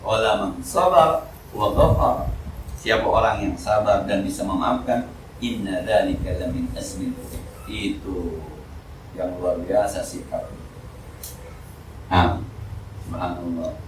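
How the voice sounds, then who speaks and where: A man with a Jakarta Betawi accent giving an informal, joking sermon at a mosque study session, swinging between loud and soft. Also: low voice, animated, slow, pauses often, background noise. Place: mosque hall. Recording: echoey hall, speaker far from mic.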